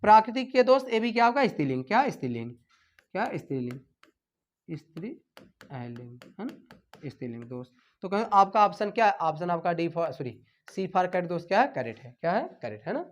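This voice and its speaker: A fast-talking woman with a fairly low, sing-song voice teaches Hindi for exam preparation. She runs a drill, asking "what?" and repeating every answer, with her voice dropping softly as each phrase ends.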